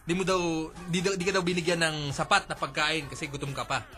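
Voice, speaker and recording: A man's voice: a little high, fast talker, sharp tone. A man co-hosting a radio show, chatty and playful in casual banter. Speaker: radio co-host. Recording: radio show with music behind.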